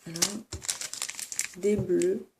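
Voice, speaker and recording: A sick crafts vlogger sniffles as she shows off her craft supplies in a room at home, speaking very slowly in a lowish, creaky voice with fairly even intonation. She is hesitant, using many fillers and correcting herself, while plastic bags crinkle amid the background noise.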